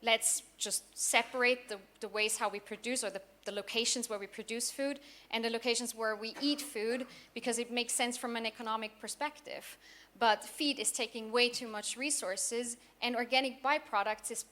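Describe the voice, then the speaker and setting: A young woman from southeast Austria giving a conference talk as a company founder, often pausing with fillers and restarting her sentences. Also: on the high side, fairly even intonation, sharp tone. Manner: hesitant, many fillers and restarts.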